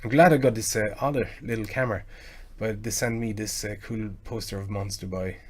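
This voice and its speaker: Answering his audience in a casual live-stream chat, a Frenchman in his forties with a low voice talks a little fast. He hosts the stream and covers game music, and his rambling, talkative manner is full of frequent excited bursts.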